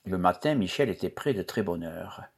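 Male narrator, low voice, calm, measured audiobook reading. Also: breathy edge.

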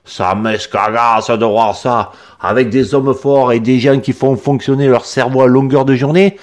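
A man's voice: mid-range voice, steady tone, unhurried, pitched above the performer's own voice, lightly acted. A man voicing a brash, plump farmer from the south of France with a strong southern French accent and a boisterous way of exclaiming.

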